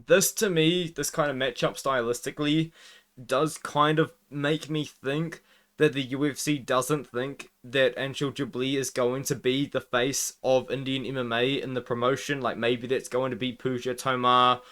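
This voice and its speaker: A man's voice: medium pitch, fairly even intonation, moderate pace, fairly bright tone. Man with a slight retainer lisp. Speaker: MMA fight prediction host. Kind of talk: casual fight preview commentary to camera.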